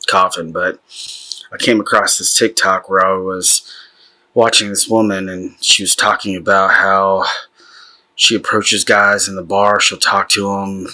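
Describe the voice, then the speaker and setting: A man's voice: low voice, little pitch movement, a little slow, pushed and bright, low-quality recording. A man hosting a casual commentary show late at night, sighing and rambling with fillers while sick with a cold. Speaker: host.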